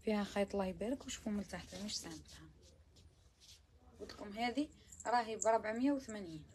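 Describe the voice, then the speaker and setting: With a mid-range, darkish voice and a quick delivery, a woman with an Algerian Arabic accent chats through a live shopping try-on of abayas, slight background noise behind her. She sprinkles in French, praises each garment, and at times drops nearly to a whisper.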